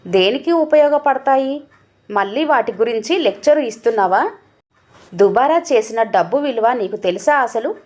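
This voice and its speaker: A woman's voice: fairly high pitch, expressive, measured pace. A woman voicing an angry, scornful husband who scolds and mocks his wife. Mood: scolding. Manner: scolding, mocking.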